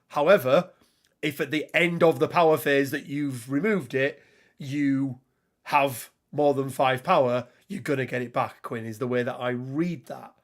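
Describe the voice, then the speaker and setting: A man's voice: medium pitch, a little slow. A man hosting a casual tabletop game talk, rambling and laughing as he reads card text, his voice a little worn. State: slightly losing his voice. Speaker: podcast host.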